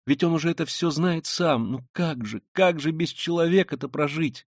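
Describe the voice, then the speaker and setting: A man's voice: on the high side, moderate pace, no room sound, voice pushed up. A fervent, pious young woman who begs and implores in trembling bursts, as a male reader lifts his voice for her. The storybook reading sounds dry and close, with no room around it. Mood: despairing. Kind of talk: dramatic audiobook reading.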